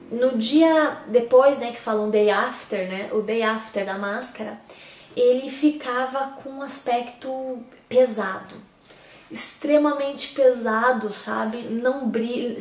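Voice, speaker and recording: A woman's voice: on the high side, darkish tone. A woman giving a casual, rambling product review, full of fillers and restarts, recorded at home on a camera mic. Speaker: beauty vlogger. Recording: roomy echo, distant camera mic, faint background hiss. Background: faint street noise.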